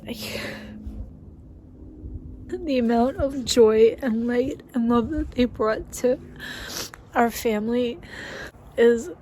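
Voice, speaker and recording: Female vlogger, tearful and blubbering, slow halting delivery, personal grief diary. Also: fairly high pitch, warm tone, slight background noise.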